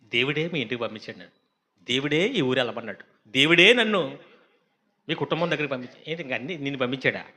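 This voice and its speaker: A man preaching a sermon as a pastor, animated, with mocking asides and quoted voices. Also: mid-range voice, fast.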